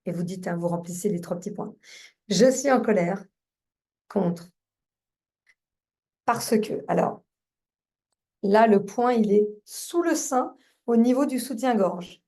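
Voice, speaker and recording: Casting: woman, webinar EFT guide, mellow voice, repeats phrases to tap along. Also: medium pitch, slow pace, long pauses. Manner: guides through tapping steps, repeating phrases. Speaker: EFT practitioner. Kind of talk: webinar teaching.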